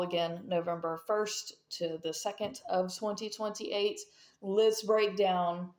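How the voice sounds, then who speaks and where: A woman hosting her own astrology video, talking casually at an unhurried pace and stopping now and then to correct herself. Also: mid-range voice, roomy sound. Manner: chatty, slow, with self-corrections and apologies. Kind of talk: casual explainer talk.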